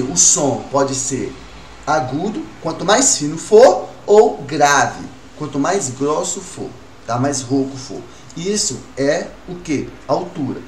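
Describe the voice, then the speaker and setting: Lively male teacher, echoey room. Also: on the high side, far from the mic. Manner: lively, talks to pupils as "gurizada", asks and answers his own questions. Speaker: music teacher. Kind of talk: recorded online class for kids. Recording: roomy, from off-mic, faint room noise.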